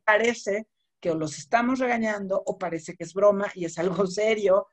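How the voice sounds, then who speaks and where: A woman's voice: mid-range voice, normal speed. A middle-aged woman with a Mexican accent, teaching public speaking in an online class over a computer mic, conversational and explaining with spoken examples. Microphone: computer mic on a video call.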